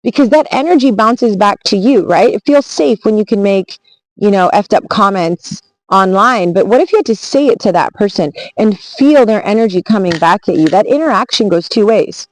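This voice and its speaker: A woman's voice: medium pitch, lively intonation, normal speed, dry recording, low-quality recording. A woman travel vlogger telling a story in a casual, earnest, reflective way, often restarting her sentences.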